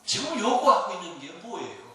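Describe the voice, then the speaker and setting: Lively, echoey preaching man. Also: high-pitched, fairly quick, slight background noise. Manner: storytelling with rhetorical questions to the congregation. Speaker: pastor. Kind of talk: sermon. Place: church sanctuary. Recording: echoey church from far off.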